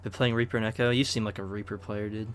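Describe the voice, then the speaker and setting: A man's voice: fairly low pitch, fairly even intonation, fast talker, faint music behind. Laid-back male game streamer. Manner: laid-back, joking, chats with viewers. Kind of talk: casual gameplay commentary.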